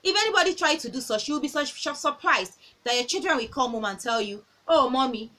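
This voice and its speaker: A woman's voice: sits high, expressive, fast talker, pushed and bright, poor audio. A woman in her thirties giving earnest parenting advice in a casual talk. She repeats phrases and tells stories from her own home.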